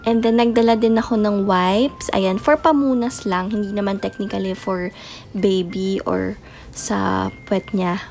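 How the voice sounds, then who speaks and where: A young woman with a mid-range voice, steady tone, measured pace, and vocal fry chats through a voice-over showing baby items. She's a mom vlogger who mixes in English words and keeps her voice soft and late-night, with faint music playing behind.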